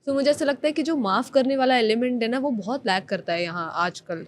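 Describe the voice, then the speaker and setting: A woman with a Pakistani accent, hosting an interview in a measured way, summing up points and mixing in English phrases. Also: a little high. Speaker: podcast host. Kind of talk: conversational interview.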